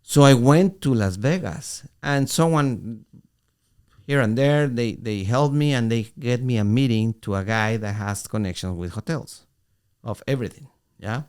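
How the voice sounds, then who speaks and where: A middle-aged man co-hosting a podcast, telling an animated story in casual talk with halting restarts. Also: mid-range voice, smooth. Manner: animated, acts out quoted voices, halting restarts. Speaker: podcast co-host.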